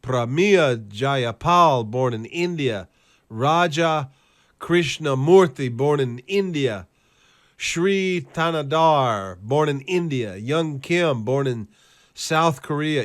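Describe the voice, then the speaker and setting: Slow-talking profane man ranting. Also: on the high side. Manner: profane, scornful and sarcastic; reads out lists in a flat, steady cadence. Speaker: host of a current-events video channel. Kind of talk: ranting commentary over clips.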